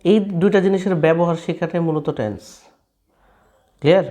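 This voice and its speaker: A man teaching a casual spoken lesson, repeating and rephrasing each step and often asking his listeners whether it is clear. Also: on the high side, a little fast, dark tone. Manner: checks in often with "clear, brother?". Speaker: language teacher.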